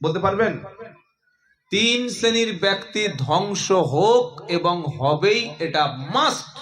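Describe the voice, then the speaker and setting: A man preaching a sermon to a crowd, lively and calling on listeners to answer back. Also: high voice, slow, poor audio. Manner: lively, addressing the crowd and asking them to respond.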